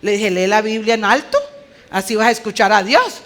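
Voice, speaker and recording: Talking fairly quickly in a mid-range, slightly bright voice, a woman with a Colombian Spanish accent preaches at a women's conference. She sounds conversational, clipped and emphatic, and poses rhetorical questions to the listeners.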